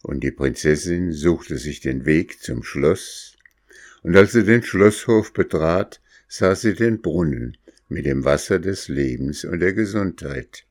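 Slow deep-voiced male storyteller. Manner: calm, measured. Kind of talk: fairy tale reading.

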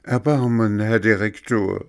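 A man voicing a brave wooden puppet boy who pleads in a raised, imploring voice in a storybook reading. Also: slow. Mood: pleading. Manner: high, imploring, heroic.

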